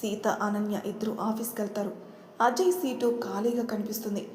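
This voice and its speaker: A woman storyteller narrating a serial story in a steady manner. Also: mid-range voice, moderate pace, a little hiss or hum. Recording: echoey room.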